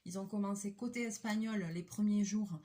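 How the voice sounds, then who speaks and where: A woman's voice: medium pitch, fairly even intonation, normal speed, mellow. A middle-aged woman from the French Basque Country, chatting casually and rambling with many fillers as she unboxes a craft kit at home. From Basque Country, France. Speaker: craft vlogger.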